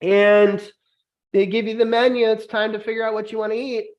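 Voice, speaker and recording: A man hosting a podcast. He has been drinking and rants loudly, swearing for comic effect in casual banter. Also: sits high, flat delivery, brisk, highs cut off. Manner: loud, profane mock-angry ranting. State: drinking, tipsy. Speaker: podcast host.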